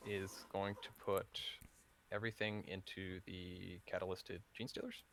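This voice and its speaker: A man's voice: deep voice, level tone, measured pace, gravelly, fairly bright tone, slight background noise. A man playing a tabletop wargame, calling out his dice rolls with hesitant fillers. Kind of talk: casual game commentary.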